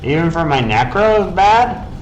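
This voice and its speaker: A man's voice: fairly high pitch, normal speed, slight background noise, low-quality recording. A man streaming a game, chatting casually and sounding tired from the late hour. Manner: relaxed, chatty, questioning. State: tired, yawning. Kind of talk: casual gaming chat.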